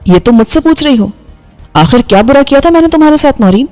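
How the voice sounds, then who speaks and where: A woman's voice: sits high, lively intonation, darkish tone, voice pushed up. A woman voicing an angry, bitter young male engineer who speaks harshly in audiobook dialogue, over faint background music. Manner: harsh, scolding delivery.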